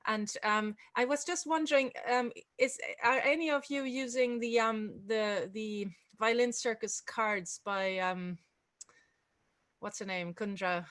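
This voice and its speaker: A woman's voice: a little high, fairly even intonation, measured pace, fairly bright tone. A woman hosting an online music-teaching webinar, chatting casually with many fillers and restarts over a video call. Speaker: webinar host and music tutor.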